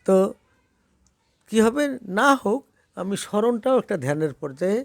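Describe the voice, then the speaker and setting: A man's voice: high-pitched, animated, creaky, a little mellow, no echo, clean studio sound. A man who teaches a small group about prayer and mantra practice, asking them questions as he goes. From Bangladesh. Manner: explains by asking questions, then chants slowly. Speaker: religious teacher.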